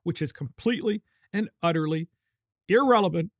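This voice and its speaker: A man's voice: fairly high pitch, normal speed, no echo, studio quality. A man hosting a political commentary podcast, talking emphatically with indignant, sarcastic asides. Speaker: podcast host.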